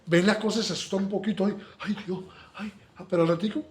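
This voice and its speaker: A man teaching a Bible study sermon, acting out little dialogues and swinging between loud exclamations and soft asides. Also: high-pitched, fairly even intonation, quick pace.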